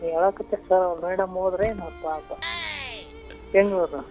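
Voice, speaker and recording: A woman's voice: lowish voice, fairly even intonation, moderate pace. A woman from Raichur with a North Karnataka accent, earnestly consoling a caller on the phone and repeating herself. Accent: North Karnataka Kannada. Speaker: prank call target. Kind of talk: phone call. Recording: muffled phone line with music.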